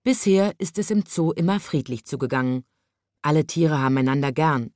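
A woman reading a children's story aloud with an expressive storytelling lilt. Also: deep voice, normal speed, dry recording, clean studio sound.

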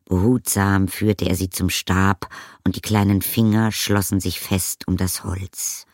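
A man narrating an audiobook in a measured, calm storytelling manner. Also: sits low, no echo, studio quality. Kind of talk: scripted narration.

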